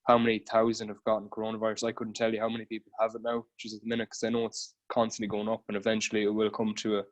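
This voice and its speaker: Rapid-fire and monotone, his voice on the low side, the personal trainer from Galway talks informally as a podcast guest. His west of Ireland accent is clear as he explains things in the casual interview.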